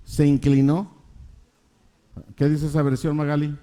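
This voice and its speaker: Preacher with a mellow voice. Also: male voice, fairly high pitch, little pitch movement, unhurried. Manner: questions the congregation, repeats key phrases emphatically. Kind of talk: sermon.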